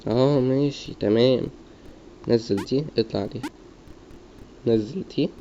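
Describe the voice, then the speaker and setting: Speaking a little slowly in a dark, mid-range voice, a young Egyptian Arabic–accented gamer comments on his gameplay and mutters repeated coaching to himself. Faint noise sits under the dull lo-fi mic sound.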